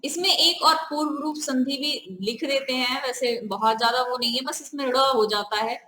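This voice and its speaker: A woman's voice: high voice, fairly even intonation, normal speed, pushed and bright, echoey room, a little hiss or hum, poor audio. A woman teaching a grammar lesson step by step, often asking the viewers questions. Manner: repeats "ठीक है", asks the viewers questions.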